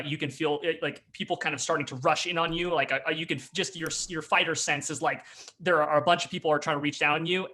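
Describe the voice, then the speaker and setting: Give me a man narrating a tabletop game as game master, bright and a bit high. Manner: hesitant, full of fillers, descriptive.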